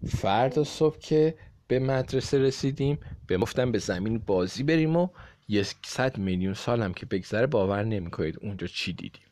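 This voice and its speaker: A man narrating a children's storybook in an expressive reading. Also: medium pitch. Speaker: audiobook reader.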